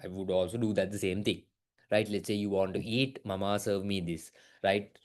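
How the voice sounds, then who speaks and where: A young man teaching an online business class, asking lots of quick questions. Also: lowish voice. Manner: lively, keeps asking "right?", mixes in Sinhala words. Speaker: business studies tutor.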